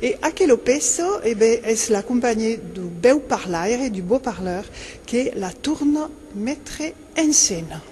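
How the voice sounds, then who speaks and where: A woman reports on a theatre premiere in a lively, friendly way. Her voice sits a touch high. She speaks close to the mic. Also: slow pace, a little hiss or hum. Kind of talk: on-location report.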